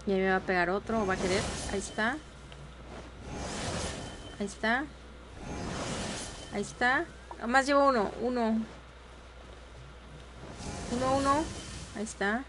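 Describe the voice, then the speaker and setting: A woman's voice: a little high, steady tone, moderate pace, pauses often, background noise. Exasperated young woman streaming a game. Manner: frustrated, exclamatory, talks to herself and viewers. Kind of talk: live gameplay commentary.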